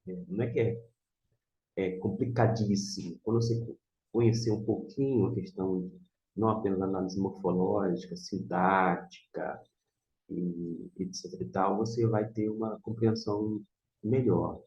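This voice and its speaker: Speaking in a lowish, darkish voice with a steady tone and moderate pace, a man with a Brazilian Portuguese accent teaches Biblical Hebrew. His informal screen tutorial has him repeating and sounding out words in a didactic way, recorded in a muffled, echoey room.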